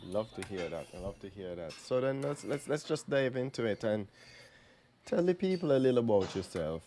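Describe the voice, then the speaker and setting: A man's voice: mid-range voice, big pitch swings, normal speed, warm tone, slight background noise. A man hosting a casual interview, prompting his guest in a conversational way. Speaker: interviewer, host.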